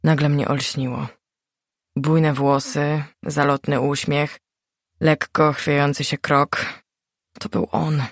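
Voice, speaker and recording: A woman reading a first-person novel aloud in an expressive, animated way. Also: low voice, takes it slowly, long pauses, no echo, clean studio sound. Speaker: audiobook reader. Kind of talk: first-person audiobook narration.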